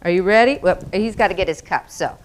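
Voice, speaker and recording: A woman's voice: medium pitch, brisk. A woman hosting a kids' show, explaining and playing a game in a peppy, friendly way. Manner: peppy, friendly, addresses children directly. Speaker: children's museum host.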